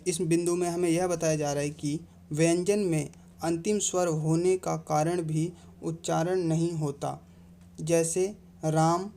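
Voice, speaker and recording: Mellow-voiced man explaining a lesson. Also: fairly high pitch, slight background noise. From India. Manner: calm step-by-step explaining with examples. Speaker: Hindi teacher.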